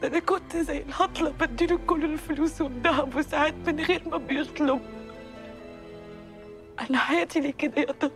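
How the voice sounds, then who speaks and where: A woman's voice: sits high, fast talker. An actress playing a heartbroken woman betrayed by her husband, speaking in tears with an Egyptian accent. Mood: tearful. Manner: tearful, despairing. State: crying. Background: music score.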